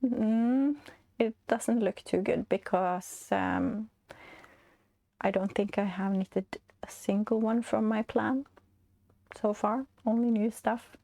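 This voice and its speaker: A Norwegian woman in her forties with a stuffy, congested voice, chatting casually as a knitting vlog host, hesitant with many fillers and soft laughs. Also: mid-range voice, fairly even intonation, slow, vocal fry, no room sound. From Norway. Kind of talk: casual chat.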